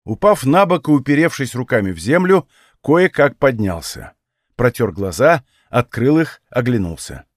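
A man narrating an audiobook in an expressive first-person storytelling voice. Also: mid-range voice, normal speed, no room sound, studio quality. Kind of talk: scripted narration.

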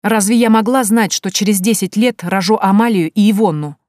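Woman reading defiant young witch, emphatic and pressing, low voice, dry close sound. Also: fairly quick, a little mellow, no echo, natural voice. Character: young ambitious witch, eager, later cold and defiant.

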